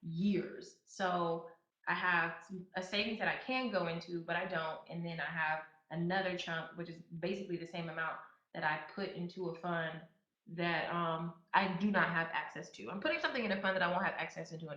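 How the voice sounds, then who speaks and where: A woman in her thirties talks through money tips in a loose, chatty way, full of little restarts, and leans in hard when she makes a point. Her lowish voice has a bright, forceful edge. The room echoes and the sound is a bit dull. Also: a little fast. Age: 30s. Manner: chatty, with many fillers and restarts, turning emphatic when giving advice. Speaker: podcast host. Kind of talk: casual advice monologue.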